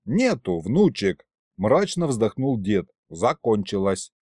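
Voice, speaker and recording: A man's voice: high voice, wildly swooping pitch, normal speed, dry recording, clean studio sound, voice pushed up. A man voicing a fussy old grandfather in an audiobook, folksy and grumbling. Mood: gloomy. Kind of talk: audiobook character voice.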